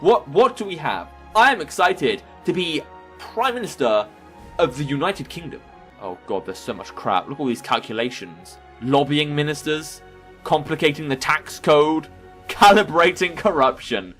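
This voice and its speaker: A man's voice: on the high side, lively intonation, moderate pace, a bit bright, soft background music. A man giving casual let's-play commentary, rambling, laughing and thinking aloud as he plays. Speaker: gaming video host.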